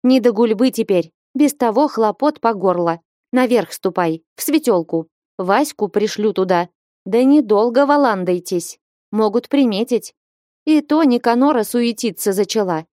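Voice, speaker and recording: A woman's voice: on the high side, expressive, normal speed, no room sound, studio quality, voice pushed up, natural voice. A woman voicing a bossy scolding village girl. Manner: sharp, scolding, commanding. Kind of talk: audiobook character reading.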